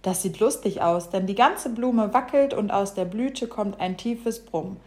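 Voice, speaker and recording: A woman reads a children's animal story aloud. Her narration is lively and expressive, at an even middle pitch. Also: measured pace.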